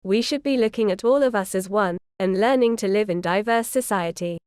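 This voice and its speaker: A woman reading scripted documentary narration in an even, informative way. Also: medium pitch, fairly quick, clean tone.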